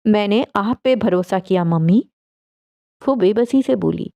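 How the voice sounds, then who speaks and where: A woman voicing an enraged young woman who shouts and bites out her words at her mother. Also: mid-range voice, gravelly, no echo, close to an everyday voice. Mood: furious. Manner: shouting, then cold and biting.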